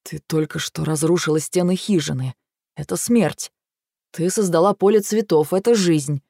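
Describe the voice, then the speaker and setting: A woman voicing an intense male warrior lover in an audiobook, speaking in a low, even manner. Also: moderate pace, gravelly, no echo, clean studio sound.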